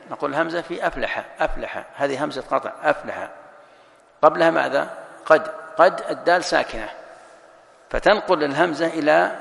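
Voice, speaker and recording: A man's voice: fairly high pitch, vocal fry, a bit bright, big-room sound. A man teaching a lesson as a sheikh, explaining each point step by step, repeating words and reciting examples. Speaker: sheikh teaching Quran sciences. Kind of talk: classroom lesson explaining a text.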